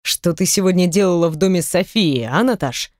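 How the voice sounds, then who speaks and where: A woman voicing a gruff, weary young man in an audiobook, speaking low and terse. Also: lively intonation, fairly quick, a little mellow, no echo, clean studio sound, natural voice.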